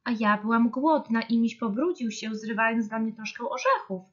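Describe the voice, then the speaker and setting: A woman's voice: fairly high pitch, normal speed, fairly bright tone. Woman doing a chirpy little girl squirrel. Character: tiny lively girl squirrel. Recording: dull lo-fi storybook reading.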